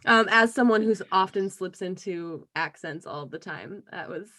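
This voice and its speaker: A woman's voice: fairly low pitch, normal speed, pushed and bright. A woman hosting a casual podcast interview, upbeat and giggly, encouraging her guest. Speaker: podcast host.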